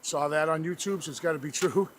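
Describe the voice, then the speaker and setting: A man talking casually to his vlog viewers, halting and rambling as he trudges through snow outdoors. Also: on the high side. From New England, United States. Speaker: outdoor vlogger. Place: outdoors on a snowy forest trail. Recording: noisy outdoor audio with clicks.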